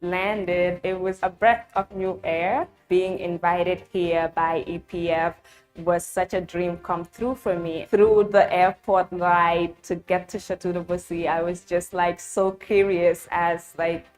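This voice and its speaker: A woman's voice: on the low side, level tone, slow pace, darkish tone, faint music behind. A woman sharing her experience of a youth forum in a casual, enthusiastic way. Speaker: forum participant. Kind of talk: testimonial interview.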